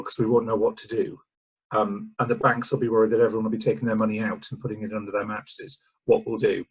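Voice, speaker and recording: A man who works as a solicitor speaks a bit hoarsely, with dry, self-deprecating humour. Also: mid-range voice, poor audio. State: a bit hoarse, frog in throat. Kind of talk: casual joking talk.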